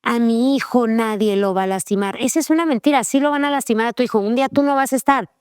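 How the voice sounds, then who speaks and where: A woman's voice: fairly high pitch, fast, no echo, studio quality. A woman co-hosting a faith-based parenting podcast, chatting casually and telling family stories. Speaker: podcast co-host.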